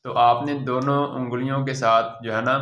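A man's voice: mid-range voice, little pitch movement, moderate pace, a bit bright, echoey room. A man, patiently walking viewers through ironing step by step and checking in after each one. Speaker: tailor teaching ironing. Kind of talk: step-by-step how-to demonstration.

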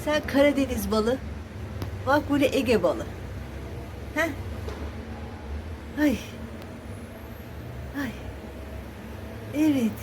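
A woman's voice: sits high, drawn-out words, long pauses, background noise. A woman at home talking baby talk to her cats, cooing and teasing them in a sing-song way. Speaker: cat owner filming her cats. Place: at home indoors.

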